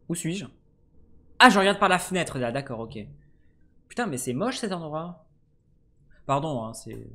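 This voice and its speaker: A man giving casual let's-play commentary, swearing freely and swinging between low mutters and sudden excited shouts. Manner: swears casually, jokey asides. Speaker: gaming streamer.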